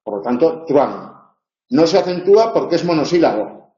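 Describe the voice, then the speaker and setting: A man's voice: fairly high pitch, sing-song, normal speed, dark tone. Man lecturing in a roomy classroom. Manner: explanatory, checks in with tag questions. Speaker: university lecturer. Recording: roomy, muffled lecture recording.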